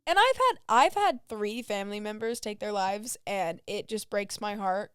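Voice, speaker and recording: A woman's voice: medium pitch, lively intonation, normal speed, a bit bright, clear, resonant tone, dry recording, studio quality. A woman in her twenties co-hosting a podcast, chatting casually, laughing often and acting out her own worried thoughts. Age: 20s. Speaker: podcast co-host. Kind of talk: casual chat.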